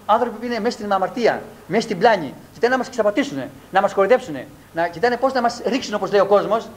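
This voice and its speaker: A man preaching a sermon in a church and leading a prayer, slow and emphatic, repeating key words with a falling tone. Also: high-pitched, expressive, rough recording. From Greece. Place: church hall.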